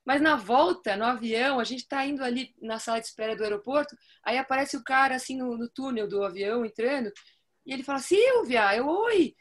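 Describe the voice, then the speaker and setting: Woman, casual surf story, somewhat high pitch, acts out quotes. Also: quick pace. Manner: lively storyteller acting out quoted dialogue. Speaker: surfer telling stories. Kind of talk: casual chat among friends.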